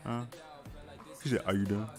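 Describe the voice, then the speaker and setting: A man with a very low, deep voice hosts a live stream, sounding tired as he chats casually over his building. His talk rambles along with frequent fillers and restarts, and soft music plays underneath. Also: steady tone, moderate pace. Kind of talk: casual live-stream chat while building a model kit.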